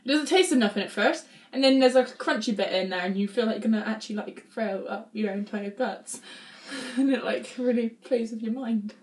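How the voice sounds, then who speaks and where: A woman's voice: on the high side, fairly quick, a little mellow. A young woman vlogging a food challenge, dramatic and giggly. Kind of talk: casual chat.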